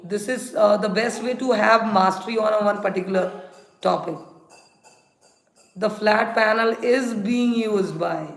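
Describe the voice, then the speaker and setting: A woman's voice: medium pitch, a little slow. A woman with an Indian accent teaching English grammar on a live stream, instructive and repeating examples and rules for her students. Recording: roomy echo, faint noise and clicks.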